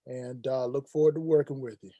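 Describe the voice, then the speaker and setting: A man's voice: mid-range voice, steady tone, a little fast, mellow, no echo, muffled recording. A male instructor on a video call, joking and teasing his students in a friendly way. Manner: joking, friendly teasing, uses "man" and "bro". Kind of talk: casual class chat.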